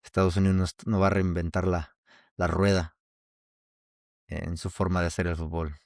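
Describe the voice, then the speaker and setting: A low-pitched, darkish voice with vocal fry belongs to a Mexican podcast host who speaks in a flat manner at a moderate pace. On his casual solo show, he rambles with frequent restarts in a Mexican Spanish accent. The sound is dry and clean, from a studio.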